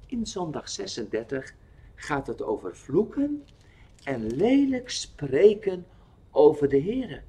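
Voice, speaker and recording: Expressive male storyteller for children. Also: a little high, slow pace, slightly rough. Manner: expressive, questioning the listener. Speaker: children's Bible teacher.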